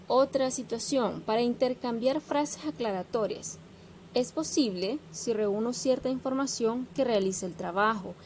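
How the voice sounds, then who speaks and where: Lady teaching punctuation, kinda high voice, slow and patient, bit of background hum. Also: darkish tone. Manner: patient, explanatory, addresses students directly. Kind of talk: explanatory lesson on punctuation.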